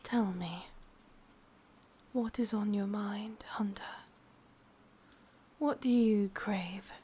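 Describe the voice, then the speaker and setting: In a whispered ASMR roleplay, a woman with an English accent plays a sadistic, possessive witch, breathy, teasing and menacingly sweet, with a coaxing, demanding mood. Her voice is medium-pitched, mellow and very slow, with slight background noise.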